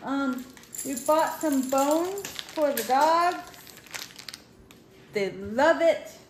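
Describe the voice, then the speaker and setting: A woman's voice: high voice, drawn-out words, noisy background. A woman in her thirties talking casually to camera in her living room, sounding tired and winding down her day. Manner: relaxed, tired, talking to her dogs between remarks to camera. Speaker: vlogger. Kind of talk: casual vlog talk. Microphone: phone camera at arm's length.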